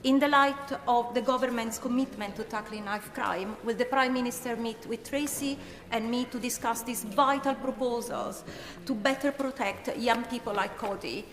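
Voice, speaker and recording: High-voiced British woman in echoing chamber. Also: moderate pace. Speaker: member of parliament. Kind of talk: formal prepared parliamentary question. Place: large debating chamber. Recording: echoey hall, crowd murmur.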